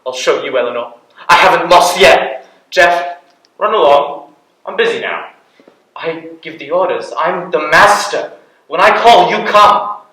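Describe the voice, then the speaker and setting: An actor playing a petulant, wounded young prince in a period drama, speaking with sulky, self-pitying defiance. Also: male voice, on the high side, lively intonation, measured pace, pauses often, bright, forceful tone. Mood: petulant, defiant. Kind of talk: theatrical period drama dialogue. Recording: echoey room.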